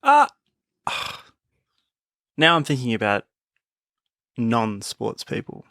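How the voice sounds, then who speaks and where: A man's voice: mid-range voice, wildly swooping pitch, extremely slow, creaky, bright, forceful tone, no echo, clean studio sound. A man co-hosting a sports podcast, talking in a thoughtful, musing way and laughing easily. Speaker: podcast co-host. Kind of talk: casual chat.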